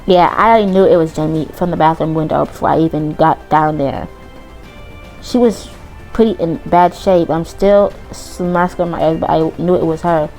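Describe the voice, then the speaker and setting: A woman's voice: deep voice, steady tone, moderate pace, darkish tone, faint music behind, low-quality recording. A woman voicing a possessive teenage girl, the coach's daughter, insistent and defensive. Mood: recounting.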